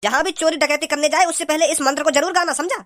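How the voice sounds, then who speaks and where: A performer voicing a domineering, crude gang boss and stern father, with a pitched-up cartoonish voice. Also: fairly even intonation, fast talker, background noise. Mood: bossy. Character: bossy, greedy thief gang leader and stern father.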